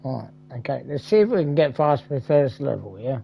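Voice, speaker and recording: A man's voice: medium pitch, sing-song, moderate pace, gravelly, husky, highs cut off. A man giving casual, rambling gameplay commentary with crude jokes and heavy swearing. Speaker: gamer.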